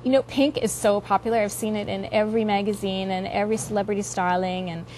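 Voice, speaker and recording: A woman presenting as a home shopping product expert, conversational and advisory in loose run-on phrases, with clear noise behind. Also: mid-range voice, steady tone, quick pace, darkish tone, poor audio. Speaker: guest makeup expert presenting her own product line on home shopping.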